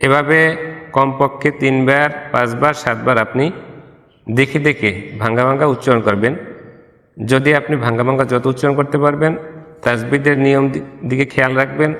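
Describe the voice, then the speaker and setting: A man teaching Quran reading, spelling out sounds slowly syllable by syllable, and chanting verses in a melodic recitation. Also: mid-range voice, steady tone, a bit bright. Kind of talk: step-by-step recitation lesson. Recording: long hall reverb.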